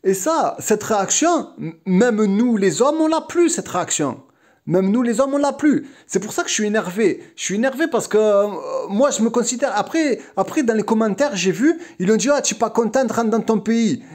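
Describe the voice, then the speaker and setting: A man's voice: high-pitched, animated, moderate pace, a little mellow. A man delivering a heated vlog monologue, agitated and repetitive with frequent restarts. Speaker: vlogger.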